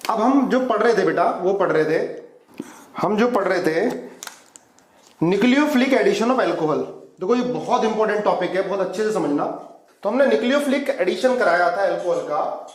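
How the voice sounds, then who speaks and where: A man's voice: sits high, lively intonation, normal speed, echoey room, low-quality recording. A man teaching a chemistry lecture at a whiteboard, coaxing students and calling them "beta" as he walks through reaction mechanisms. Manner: coaxing, calls students "beta", asks them to follow along.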